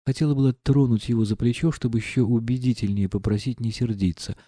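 A man narrating a classic novel as an audiobook in a measured, expressive reading. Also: medium pitch, dry recording, studio quality.

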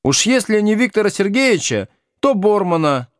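A man's voice: high-pitched, normal speed, dry recording, clean studio sound, voice pushed up. A man voicing a sensible, reproachful teenage girl in an audiobook. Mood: calm. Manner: calm, reproachful.

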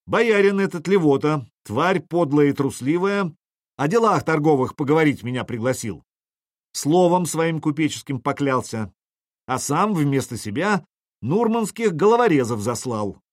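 A man voicing a bold young male leader who loudly declaims to a crowd. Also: fairly high pitch, very animated, unhurried, no room sound, studio quality, voice pushed up. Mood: declaiming. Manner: loud, declaiming.

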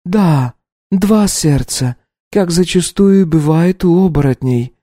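A man voicing a serious, caring middle-aged housekeeper in a hushed, raised voice, audiobook style. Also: a little high, lively intonation, slow, no room sound, studio quality, pitched above the performer's own voice. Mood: grave.

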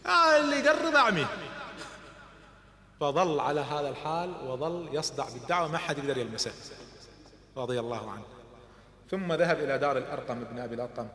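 A man's voice: medium pitch, fast. A middle-aged man gives a dramatic storytelling lecture and acts out the voices in his story. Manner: animated, acts out quoted voices and shouts. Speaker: lecturer on religious history. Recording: echoey hall recording.

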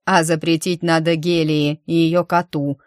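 A woman's voice: sits low, level tone, unhurried, no echo, studio quality. A woman voicing an arrogant, sullen young male mage who speaks curtly and with scorn. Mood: scornful. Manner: curt and scornful.

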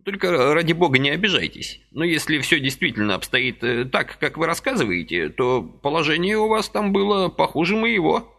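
Audiobook figure: frail fussy old man, high and fluttering, pleading, voiced by a male narrator. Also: expressive, moderate pace, creaky, hardly any pauses, pushed and bright, heavily acted.

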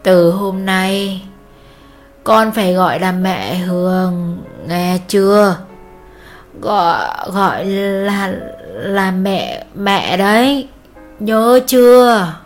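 A woman's voice: mid-range voice, faint music behind. A woman voicing a drunk, angry middle-aged father who slurs and stumbles over his words. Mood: drunk slurring. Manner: slurred, halting, shouting.

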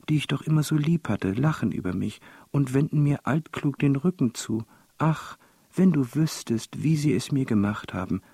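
A man's voice: mid-range voice, mellow, slightly rough, no room sound. A man reading as a plaintive fairy-tale daughter. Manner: pleading, raised and quicker than his reading voice. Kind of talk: literary reading.

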